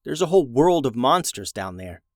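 A man doing a calm young animal-whisperer. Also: mid-range voice, normal speed, no room sound, clean studio sound, lightly acted.

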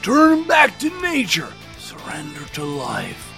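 A man playing a strong, solemn bounty hunter in a tabletop game, speaking in a grandiose, deliberate way. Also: sits high, huge pitch swings, vocal fry, sharp tone, soft background music, pitched above the performer's own voice, heavily acted. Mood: solemn, preachy. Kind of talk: in-character tabletop role-play.

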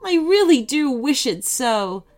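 A woman's voice: high-pitched, huge pitch swings, a little slow, soft background music, pitched above the performer's own voice, full character voice. A woman doing a kind, motherly baker. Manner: gentle and motherly, a bit loud. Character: kind, patient female baker.

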